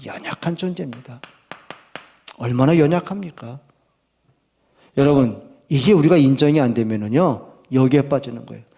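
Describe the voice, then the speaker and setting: A man preaching a sermon as pastor, reading scripture slowly and acting out quoted complaints with a raised voice. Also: mid-range voice, gravelly, mellow. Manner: reads scripture slowly and deliberately.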